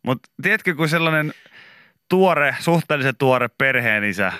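A man's voice: medium pitch, expressive, sharp tone, dry recording, clean studio sound. A man hosting a morning radio show, chatting casually, laughing often and telling stories with animation. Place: radio studio. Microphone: studio microphone.

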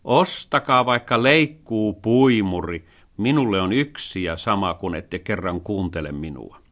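A man voicing a thrifty, fussy male house cat who scolds and worries about money in a storybook reading. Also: lightly acted. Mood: sulky. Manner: scolding, worried, high and loud.

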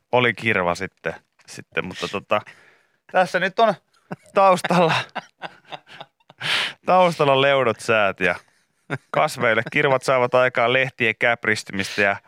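A man's voice: medium pitch, animated, long pauses, pushed and bright, smooth, dry recording. A male radio morning show host in casual on-air banter, joking and reading out news snippets in a studio. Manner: jokey, reads out news snippets between asides. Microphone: studio microphone.

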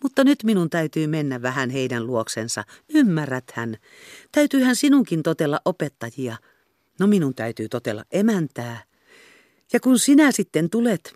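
A woman's voice: a little mellow, dry recording, studio quality. A woman voicing a tearful young woman in a brothel, pleading and tender, in an audiobook reading. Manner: high, plaintive and lamenting.

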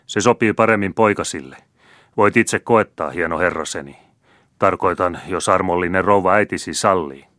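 A sardonic older gentleman, voiced by a male audiobook reader, wry and cutting beneath polite phrases. His voice is deep and dry. He needles the people around him with ironic remarks. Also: no echo.

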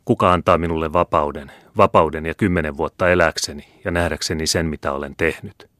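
A man's voice: a bass voice, steady tone, fairly bright tone, dry recording, clean studio sound. A man reading the part of an aging, proud and irritable imprisoned scholar with grandiose outbursts. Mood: pleading. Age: older.

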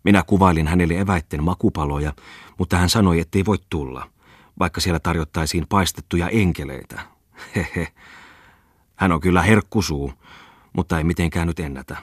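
A man's voice: sits low, breathy edge, no echo, studio quality. A man voicing a cheeky, cocky young man who chats with a chuckle. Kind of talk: audiobook character voice.

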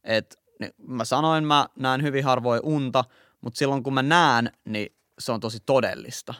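This Finnish podcast co-host has a medium-pitched, clear, resonant voice with a fairly bright tone, recorded at studio quality with no room sound. On a casual chat show, he reads excerpts from an article and then animatedly recounts his own dreams.

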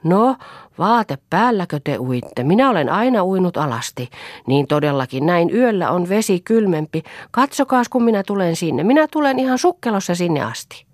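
A woman voicing a frantic, half-mad mother who calls out shrilly, almost shouting. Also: fairly low pitch, big pitch swings, no echo, studio quality, voice pushed up.

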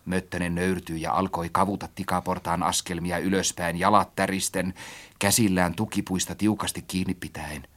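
A man's voice: low-pitched, steady tone, a bit bright. A man narrating a story as an audiobook, reading expressively and acting out his own quoted lines.

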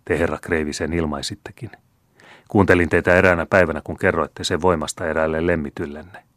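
A man reading the part of a scheming, vengeful male steward, speaking with hushed, sneering false humility in an audiobook. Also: extremely low pitch, steady tone, no room sound, studio quality. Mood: menacing. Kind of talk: audiobook character voice.

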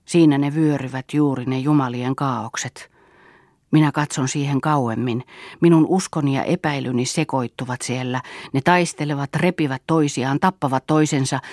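A woman's voice: a bass voice, darkish tone, no echo, studio quality. Woman reading as an intense lovesick young man. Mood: brooding. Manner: intense, pleading. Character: passionate young man in love, brooding. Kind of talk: audiobook reading.

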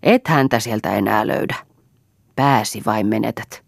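A woman's voice: a bass voice, gravelly, no echo, studio quality, full character voice. A woman voicing a bitter old farm mother who screams taunts and mocks with spite. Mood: raging.

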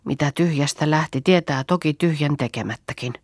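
A woman's voice: deep voice, dry recording, clean studio sound. Woman reading as a chatty know-it-all farm girl. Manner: lively, knowing, proverb-quoting.

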